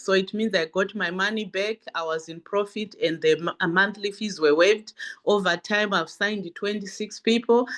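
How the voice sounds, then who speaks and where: A woman's voice: mid-range voice, a bit bright. A woman hosting a video call, encouraging speakers and calling on them in turn before sharing her own story. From Zimbabwe. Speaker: host of an online business call. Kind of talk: video call testimonial session.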